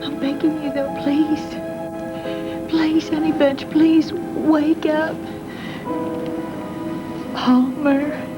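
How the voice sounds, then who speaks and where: A woman's voice: very high-pitched, normal speed, highs cut off, loud music behind the voice. An actress playing a flamboyant, doting middle-aged woman in a 1990s soap opera, talking in a theatrical, overwrought way. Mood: pleading.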